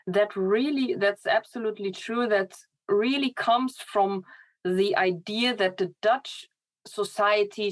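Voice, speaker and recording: A middle-aged woman from Poland, speaking as a scholar guest in an interview, thoughtful with light laughs. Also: mid-range voice. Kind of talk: podcast interview.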